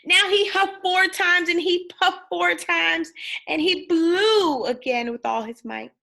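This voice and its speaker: In an extremely high voice that is pushed, bright and touched with vocal fry, a woman reads a storybook to children with lots of drama. She talks right to her listeners and pauses to quiz them.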